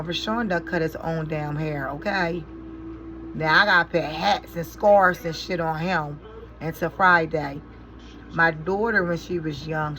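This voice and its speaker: A middle-aged woman chatting casually to her viewers while doing her makeup, telling stories in an animated, exasperated way and swearing when frustrated. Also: fairly low pitch, poor audio. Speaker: beauty vlogger and mother.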